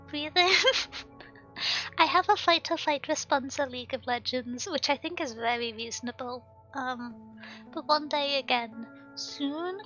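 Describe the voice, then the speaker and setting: A woman's voice: high-pitched, a bit bright, muffled recording. A woman chatting casually to viewers on a game livestream in a cute, bubbly, giggly anime-streamer manner.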